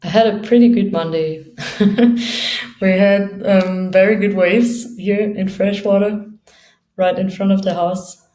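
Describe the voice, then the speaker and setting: A young Austrian woman with an Austrian accent, a downhill skateboarder appearing as a guest, chats casually in an interview and laughs often between phrases. Her mid-range voice is warm and steady, her pace unhurried, and the sound is roomy.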